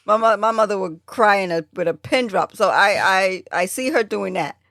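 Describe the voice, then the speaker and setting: A woman from Jamaica telling a family story in casual podcast chat, acting out quotes with sudden high jumps in her voice. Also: moderate pace, fairly bright tone, dry recording, clean studio sound. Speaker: podcast co-host.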